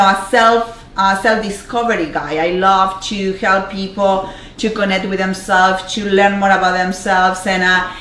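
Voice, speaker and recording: Streaming a motivational Facebook Live talk through her camera mic, a life coach from Argentina speaks with a strong Argentine Spanish accent. Her mid-range voice is fairly bright and reverberant, and her earnest delivery is packed with fillers and repetitions.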